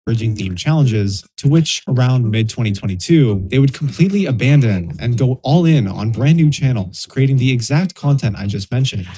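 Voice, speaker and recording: Mellow man narrating a video essay. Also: mid-range voice, animated, normal speed, few pauses, husky, low-quality recording. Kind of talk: scripted narration.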